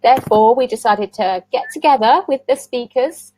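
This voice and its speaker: A woman's voice: fairly high pitch, normal speed, warm tone, slight background noise, low-quality recording. A woman hosting an online interview over a video call, bubbly and chatty, laughing at her own slips. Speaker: host.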